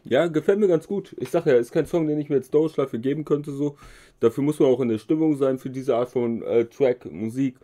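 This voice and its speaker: A man with a dark, mellow voice reacts to a rap song in a relaxed, slangy way. He rambles a little and fills pauses with hesitation sounds. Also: mid-range voice. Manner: slangy, loose, lots of filler sounds. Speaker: music reaction host. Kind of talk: casual reaction commentary.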